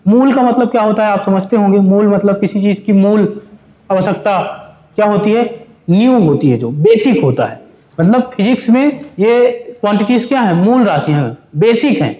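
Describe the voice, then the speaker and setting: A man's voice: high-pitched, animated, normal speed, warm tone, reverberant, highs cut off. A male physics teacher giving a classroom lecture, explaining step by step, asking and answering his own questions, mixing Hindi and English terms.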